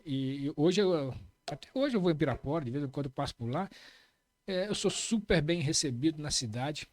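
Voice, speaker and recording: A man's voice: fairly high pitch, lively intonation, moderate pace, slight background noise. A middle-aged man, a police chief telling anecdotes in a casual interview, repeating key phrases and tagging lines with "né".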